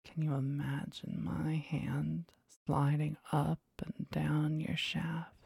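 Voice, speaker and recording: A woman speaking in a soft, teasing and commanding whisper for an intimate ASMR roleplay. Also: low-pitched, level tone, slow pace, gravelly, slightly rough, dry recording, studio quality.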